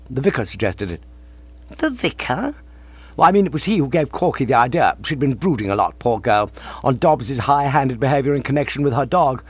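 A man's voice: fairly high pitch, breathy edge, no echo, pitched above the performer's own voice. A man doing a flustered young toff. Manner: breathless, excitable, rambling. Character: flustered, rambling young gentleman. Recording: dull lo-fi recording.

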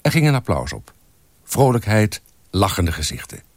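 A man reading aloud from a novel in an expressive, lively way. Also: lowish voice, normal speed, no room sound.

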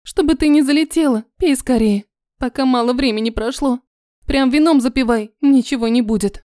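A woman's voice: sits high, normal speed, dark tone, no echo, studio quality, lightly acted. A woman voicing a brash, bossy girlfriend. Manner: bossy and crude. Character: brash, blunt young woman friend. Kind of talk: audiobook character voice.

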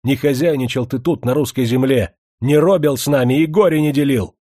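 A man's voice: high voice, expressive, moderate pace, no room sound, studio quality, pitched above the performer's own voice. Man doing an angry mob of workers. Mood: menacing. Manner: shouting. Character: angry shouting crowd of factory workers.

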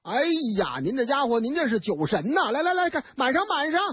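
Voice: sits high, sing-song, brisk, slightly rough, no echo, voice pushed up, exaggerated voice. A storyteller with a Beijing accent voicing admiring male coworkers cheering on a drinking companion. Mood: fawning. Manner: fawning, cheering. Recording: dull, dry radio studio recording.

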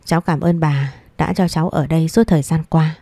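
A woman's voice: sits low, steady tone, brisk, slightly rough, no echo, studio quality. A woman voicing a humble, polite young woman in an audio story, speaking deferentially. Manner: soft, deferential.

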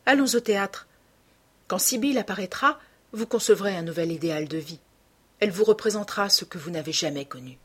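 A woman's voice: medium pitch, lively intonation, brisk, slightly rough. A woman reading the part of a passionate, earnest young man in an audiobook, with an ardent, sincere manner.

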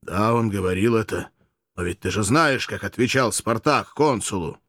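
Мужчина озвучивает простодушного гладиатора, растерянно и умоляюще, в аудиокниге. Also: male voice, fairly low pitch, expressive, moderate pace, fairly bright tone, dry recording, studio quality. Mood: bewildered. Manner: pleading, flustered. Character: simple-hearted male gladiator, bewildered, earnest. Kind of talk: audiobook character voice.

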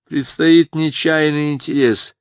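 A man's voice: a little high, steady tone, takes it slowly, clear, resonant tone, no echo, voice pushed up. A man voicing a moody middle-aged woman fortune teller who gives clipped, ominous card readings.

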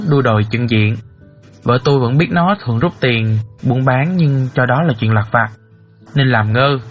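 In audiobook character acting, an actor plays a middle-aged father earnestly recounting a painful story. His medium-pitched voice is lightly acted, and he cries out with emotion as he tells it.

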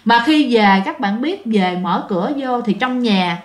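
A woman's voice: fairly high pitch, animated. A woman tells a ghost story in a chatty, casual way, speaking straight to her listeners. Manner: chatty, addresses listeners directly, frequent drawn-out particles. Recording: roomy echo.

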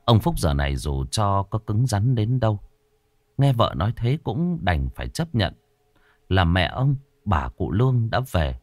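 A man narrating a horror story in a dramatic, expressive way. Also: fairly low pitch, unhurried, no room sound, faint music behind.

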